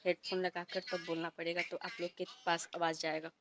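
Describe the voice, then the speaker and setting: A woman in her thirties chatting softly in a casual home vlog, recorded at home on a phone set a little way off. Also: lowish voice, level tone, a little fast, noisy background. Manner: speaks softly and quietly. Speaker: vlogger and homemaker. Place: indoors at home. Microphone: phone placed a little way off.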